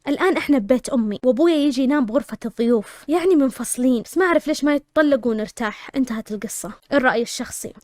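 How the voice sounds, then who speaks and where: A woman narrating a first-person story, lively and dramatic, with asides to her listeners. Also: high-pitched, rapid-fire, hardly any pauses, no room sound, studio quality.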